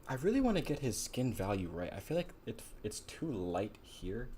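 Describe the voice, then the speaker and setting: A man's voice: medium pitch, big pitch swings, moderate pace, dark tone, slight background noise. A man chatting casually on a live stream while he paints, rambling and musing aloud with a self-deprecating manner.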